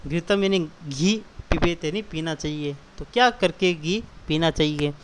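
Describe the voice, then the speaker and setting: A male teacher walks children through a textbook exercise, repeating each word and its meaning patiently. His voice sits a touch higher than most men's. A faint hiss runs under the recording. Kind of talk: explaining textbook exercises to schoolchildren.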